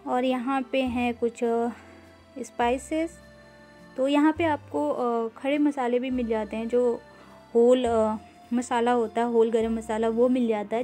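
Touring a grocery store for her vlog, she speaks casually and slowly while filming handheld on a phone, her tone warm and her pitch on the high side. Frequent "uh" fillers and English words are sprinkled throughout her talk.

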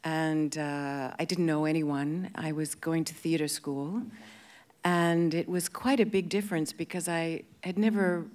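Speaking into a handheld mic on a big festival stage, this actress in her fifties, English-born and Canadian-raised, answers interview questions before a crowd. Her low, darkish voice moves unhurriedly with fairly even intonation, broken by frequent fillers and false starts.

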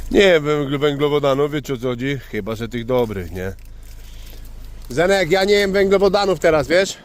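A man's voice: on the high side, animated, normal speed. Casual, swearing man telling road stories. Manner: rambling, swears freely, calls listener "chłopie". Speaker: vlog host, tow truck driver. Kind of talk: casual storytelling to camera.

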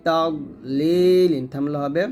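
Slow, melodious male Quran teacher. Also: on the high side, steady tone, darkish tone. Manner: spells out letters and vowels, then recites slowly and melodiously. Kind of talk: step-by-step recitation lesson.

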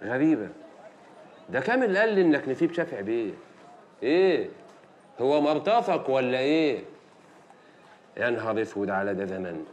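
A man's voice: mid-range voice, big pitch swings, normal speed, long pauses, slight background noise, natural voice. An actor playing a blunt, suspicious man, in an Egyptian accent. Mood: wary. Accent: Egyptian Arabic. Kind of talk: TV drama acting.

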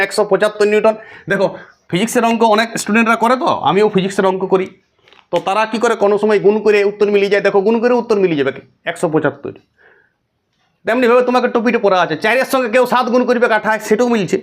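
A middle-aged male teacher talks fast and pitched high. He works through exam problems and keeps asking his students questions. He answers each one himself before moving on. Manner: explains with rhetorical questions to students. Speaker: physics teacher. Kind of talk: classroom lecture.

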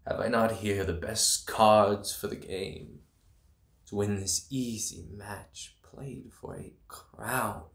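A man's voice: fairly low pitch, a bit bright. A man in his twenties playing a proud, defiant young prince in a Shakespearean monologue, declamatory and formal. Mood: proud resolve. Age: 20s. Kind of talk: Shakespearean stage monologue, self-taped. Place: indoors, small room against plain backdrop. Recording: roomy, echoey small room.

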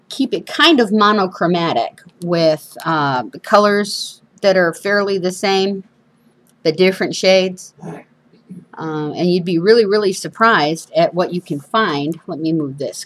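A woman's voice: fairly low pitch, lively intonation, a little slow, fairly bright tone. A woman with whistling sibilants from missing front teeth, hosting a casual, chatty craft demonstration with informal, self-deprecating asides. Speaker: craft show host. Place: indoors at a craft table.

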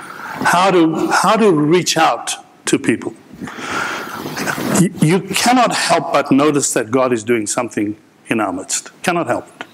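Middle-aged male pastor, earnest sermon, halting restarts, repeats lines for emphasis. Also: a little high, slight background noise, low-quality recording. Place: large indoor church hall.

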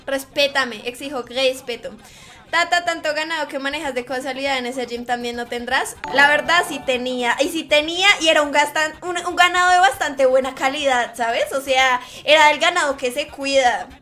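A young woman with a very high, squeaky voice and a bright, sharp tone, chatting casually on a live stream. She reads her chat aloud, giggling and teasing her viewers. Soft music plays faintly behind her. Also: a little fast, few pauses.

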